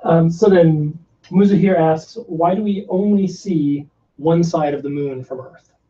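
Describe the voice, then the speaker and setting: A man reads out viewers' questions plainly, in a fairly high, mellow voice. He sits back from the mic, so he sounds distant and a little muffled. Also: a little slow. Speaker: Q&A moderator.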